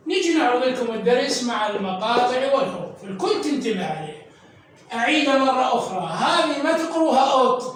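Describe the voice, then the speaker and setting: A man with an Iraqi accent teaches children to read, drawing out and repeating each syllable slowly. His voice sits very high. He is heard from a distance in a strongly echoing room with a faint hiss behind him. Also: fairly bright tone. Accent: Iraqi Arabic. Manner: slow, drawn-out syllables, repeating sounds for learners. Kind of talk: children's reading lesson. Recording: echoey room, voice from off mic.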